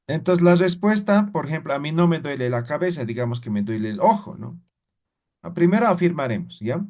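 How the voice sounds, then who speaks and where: Slow, patient male teacher with a lively voice. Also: on the high side. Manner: patient, checks in with frequent tag questions; repeats each example word slowly. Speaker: language teacher. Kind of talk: live class explanation.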